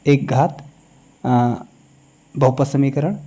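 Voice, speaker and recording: A man teaching a maths lecture in a classroom style, who keeps pausing to ask the class quick check questions. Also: medium pitch, warm tone.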